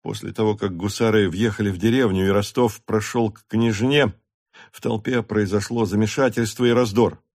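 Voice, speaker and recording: Man, audiobook narration, measured, steady, gravelly voice. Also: lowish voice. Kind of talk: literary audiobook reading.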